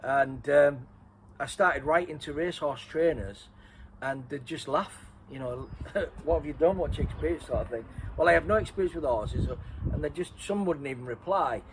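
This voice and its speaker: A man's voice: fairly high pitch, normal speed, noisy background. Man telling a story. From Redcar, North East England. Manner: rambling, self-correcting, laughs at himself. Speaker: interviewee and co-host. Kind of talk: casual storytelling chat.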